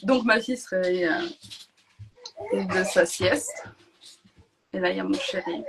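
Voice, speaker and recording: A woman guest on a podcast, telling her own story in a lively, emotional way and often laughing between phrases. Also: medium pitch, unhurried, creaky, noisy background. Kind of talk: personal storytelling.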